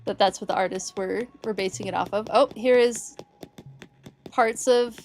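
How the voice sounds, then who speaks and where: A woman's voice: mid-range voice, steady tone, normal speed, a little mellow, slight background noise. A woman hosting a livestream, chatting casually and cheerfully with viewers while she plays a cozy game. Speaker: livestream host.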